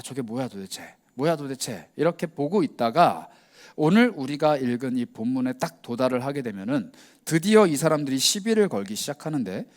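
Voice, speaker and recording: A male pastor giving a youth worship sermon in a casual, conversational way, telling the story with energy and acting out the lines he quotes. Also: mid-range voice. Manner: casual, conversational preaching with slang.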